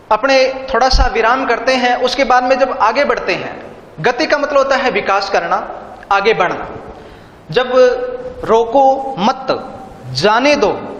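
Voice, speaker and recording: A man teaching an online literature lesson, explaining slowly and repeating key terms with synonyms. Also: very high voice, a bit bright. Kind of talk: online Hindi literature lecture. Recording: echoey room, dull lo-fi sound.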